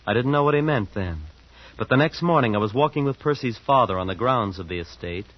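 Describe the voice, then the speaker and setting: Fairly quick and animated, a medium-pitched natural male voice narrates in the first person as a wide-eyed young man from a small town. The 1940s radio drama performance is earnest, awed, shy and reflective, heard through a muffled old recording with music in the background.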